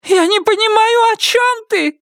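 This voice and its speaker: A terrified, meek housewife, crying and pleading in a shrill, squealing voice pushed far above her own. The sound is dry, with no room echo. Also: expressive, takes it slowly. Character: terrified, meek older housewife being hurt.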